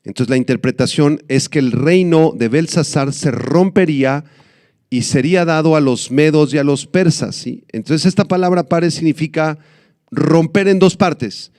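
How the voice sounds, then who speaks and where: A pastor preaching a sermon, explaining slowly and repeating key words for emphasis. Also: male voice, on the high side, darkish tone, no echo, studio quality. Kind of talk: sermon teaching.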